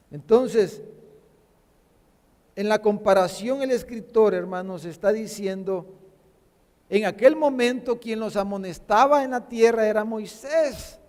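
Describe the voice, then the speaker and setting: In a church sanctuary, a pastor with a fairly high voice preaches to his congregation, and the sound carries like a large hall. He often calls them brothers and repeats words as he builds toward a point.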